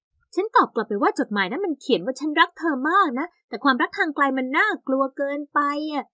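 A young woman narrating an animated story in the first person with lively, exaggerated storytelling. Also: sits high, fast talker, dry recording, lo-fi sound.

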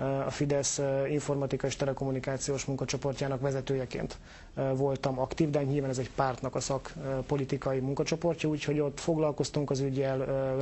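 Hesitant male official, halting speech. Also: medium pitch, little pitch movement, warm tone. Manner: hesitant, many filler sounds. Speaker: government official guest. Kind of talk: TV interview answers.

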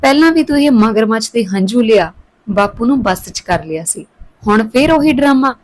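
A woman's voice: fairly high pitch, lively intonation, normal speed, a little mellow, close to an everyday voice, poor audio. A woman voicing a scheming elder sister-in-law who taunts and coaxes, in a storybook reading. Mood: taunting.

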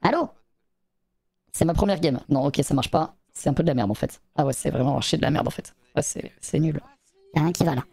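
A man's voice: a little high, fairly quick, gravelly, warm tone, no room sound. A man streaming a game, talking through a voice-changer filter that morphs his voice while he tests it and mocks how it sounds. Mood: testing. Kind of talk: casual livestream chat.

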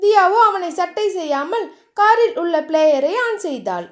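High-voiced woman narrating a novel. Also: normal speed. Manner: steady storytelling. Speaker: audiobook narrator.

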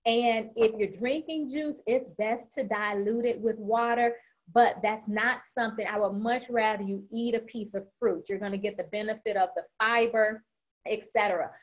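A woman's voice: fairly high pitch, darkish tone. A woman dietitian giving an informal talk on healthy eating, chatty and full of "um" fillers. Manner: chatty, many "um" fillers, says she is talking fast. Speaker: registered dietitian presenter. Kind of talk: informal nutrition presentation. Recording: slightly dull lo-fi online meeting audio.

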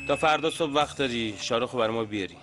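An actor in a TV drama playing a cold, calm gangster who threatens the other man. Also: medium pitch, faint music behind, natural voice. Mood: menacing. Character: calm menacing male gangster boss.

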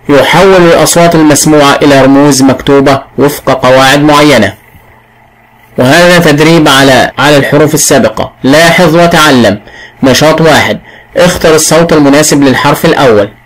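A man with an Egyptian accent teaching early reading, sounding out syllables slowly and clearly. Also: on the high side, fairly bright tone, poor audio. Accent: Egyptian Arabic. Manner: slow, drawn-out sounding of syllables. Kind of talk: classroom phonics lesson.

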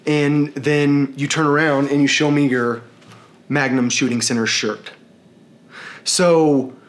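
Guy ranting into his camera, rambling and swearing a lot, all worked up, medium pitch. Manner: rambling, profane, emotionally charged. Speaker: vlogger. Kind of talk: ranting video monologue.

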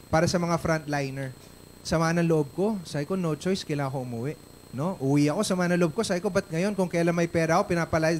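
On stage at a company event, a Filipino guest speaker shares a personal story in a chatty manner, finishing his lines with tag questions. His voice sits high, and there's slight background noise.

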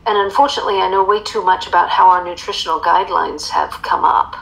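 Creaky-voiced American woman in her fifties. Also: fairly low pitch, quick pace, a bit bright, rough recording. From United States. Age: 50s. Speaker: interview guest, eating coach. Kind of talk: casual conversational interview.

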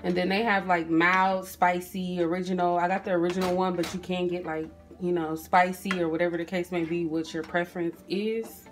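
Chatty woman with a low voice. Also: little pitch movement, fairly quick, hardly any pauses, faint music behind. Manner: chatty, addresses viewers as "you guys" and "y'all", frequent "um". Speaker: cooking vlogger. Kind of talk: casual cooking tutorial narration. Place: home kitchen, indoors. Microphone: phone camera at the stove.

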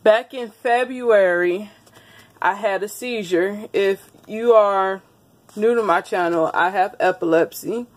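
A woman's voice: medium pitch, slow. A woman in her thirties chatting casually to her viewers in a vlog, laughing often, recorded on a phone held close in a small room. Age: 30s. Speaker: vlogger. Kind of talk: casual chat to camera. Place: small indoor room with wood panelling. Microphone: phone camera held close.

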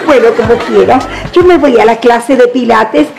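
An actress playing an elderly, easygoing schoolteacher in a TV sitcom, fussy when instructing. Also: female voice, on the high side, normal speed, gravelly. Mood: instructing, breezy. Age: older. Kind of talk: television sitcom acting.

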